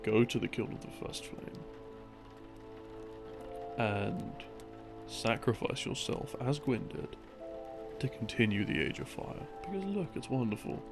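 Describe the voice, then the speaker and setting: His mid-range voice has a sing-song lilt, a measured pace, vocal fry and long pauses. As an audio creator in the role of a boyfriend, he rambles casually and intimately through game lore with wry, tentative asides, soft game theme music in the background.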